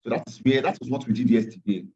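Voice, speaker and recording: The speaker is a man with a medium-pitched, darkish voice who talks fast while leading a live online class on trading charts. He is tired after a long day, repeats phrases and drifts into Pidgin, heard through distant, dull lo-fi audio.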